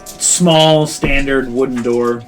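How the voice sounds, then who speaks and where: A man running a tabletop game as game master, narrating in a loose, halting way with many fillers. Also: mid-range voice, fairly even intonation, soft background music.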